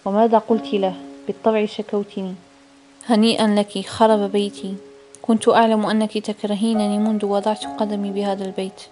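A woman voicing a defensive, frightened young wife in a read-aloud story, speaking in sharp, tearful bursts. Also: mid-range voice, monotone, fast talker, faint music behind, lightly acted. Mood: angry.

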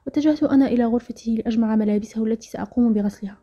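Fast, husky woman narrating a story. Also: a little high, warm tone. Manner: brisk, earnest storytelling. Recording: dull lo-fi audio with faint music. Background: faint music.

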